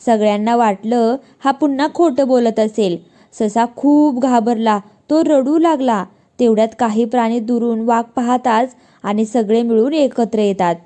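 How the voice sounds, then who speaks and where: A woman narrating a moral story for young children in a gentle, expressive way. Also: on the high side, unhurried.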